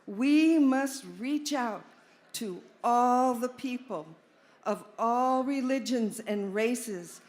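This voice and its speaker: A woman's voice: a little high, very slow, darkish tone. A woman reading out a fiery revolutionary speech on a live stage, declamatory and rousing. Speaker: speaker reading a statement at an event.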